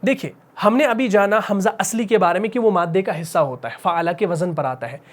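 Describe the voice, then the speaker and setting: A male teacher explaining a rule slowly and patiently. He keeps circling back with rhetorical questions and repeats each point. He sinks to a soft, drawn-out whisper to stress key terms. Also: sits high. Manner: repetitive, asks rhetorical questions; drops to a slow whisper on key words. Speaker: Quran recitation teacher. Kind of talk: classroom-style lesson.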